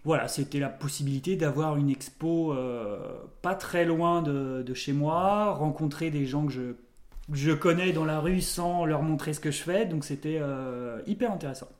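A man, an artist, talking as a guest in a casual interview, relaxed and thoughtful with loose phrasing. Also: on the high side, moderate pace.

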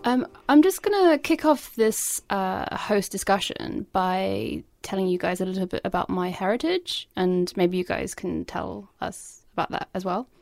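Podcast host, woman, mid-pitched, measured and reflective, faint music behind. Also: expressive, gravelly, a little mellow, dry recording. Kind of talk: casual chat.

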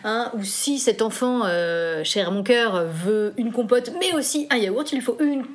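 A woman's voice: on the high side, animated, unhurried. A woman player in a game podcast, talking hesitantly with many fillers and mock-formal turns of phrase. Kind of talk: casual chat.

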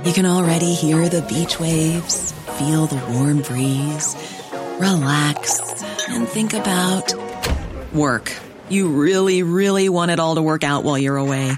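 A woman reading a scripted ad in a calm, soothing way. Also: sits low, slow. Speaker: ad narrator. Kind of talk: scripted ad read. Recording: voice over music bed.

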